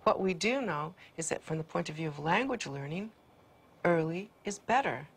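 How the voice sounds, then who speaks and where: A woman's voice: on the low side, expressive, normal speed, husky. A woman researcher explaining brain development confidently in an interview. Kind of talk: interview answers.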